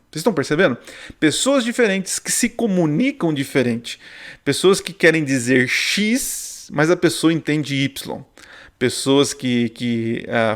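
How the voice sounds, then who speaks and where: A married man with a Brazilian Portuguese accent teaching a casual online Bible study, often tagging his sentences with "né?" and "tá?". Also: mid-range voice. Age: adult, married. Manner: chatty, peppers speech with "né?" and "tá?". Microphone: sharing screen on a video call.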